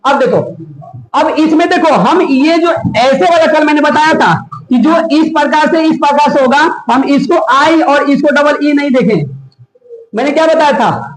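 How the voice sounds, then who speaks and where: A man's voice: very high-pitched, moderate pace. A male teacher giving a classroom lesson, constantly quizzing his students with repeated questions. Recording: echoey classroom.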